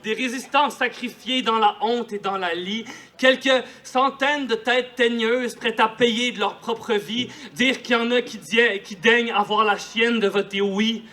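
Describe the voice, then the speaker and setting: A male poet with a Quebec French accent delivers passionate spoken-word verse, colloquial and declamatory, at a public celebration held outdoors in a park. His very high voice is sharp and steady, moving a little slowly, with a little hiss or hum in the recording.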